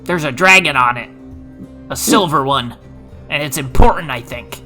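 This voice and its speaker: Bright, rambling game master. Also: mid-range voice, normal speed, faint music behind. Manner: hesitant, rambling, many fillers. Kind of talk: narrating a tabletop game.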